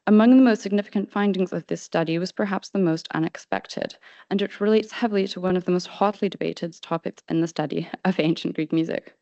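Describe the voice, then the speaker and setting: A woman presenting an academic paper at a conference, reading from a script in a measured way with frequent ums. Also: lowish voice, mellow, no room sound. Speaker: conference speaker. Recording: dull, lo-fi sound.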